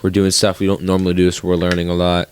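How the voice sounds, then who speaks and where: Deep-voiced young man telling stories fast. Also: a little hiss or hum. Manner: fast, profane, animated storytelling. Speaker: podcast co-host. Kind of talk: casual chat.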